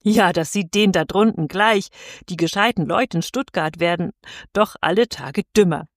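A woman voicing a talkative, sharp-tongued old spinster aunt who scolds indignantly. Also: on the low side, moderate pace, no echo, studio quality, lightly acted. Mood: scolding.

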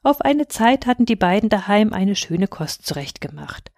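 A woman narrating a fairy tale in a calm, even storytelling voice on a close mic. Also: mid-range voice, moderate pace, no room sound.

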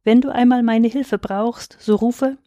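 Storybook casting: gracious, grateful sun prince, read by a woman, soft and dry. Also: on the high side, fairly even intonation, a little slow, no room sound, pitched above the performer's own voice, lightly acted. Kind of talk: storybook reading.

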